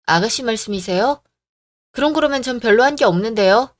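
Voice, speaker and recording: A woman voicing a calm, assertive young wife who answers politely but firmly, in a radio drama. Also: on the high side, brisk, no echo, close to an everyday voice. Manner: cool, firm, polite.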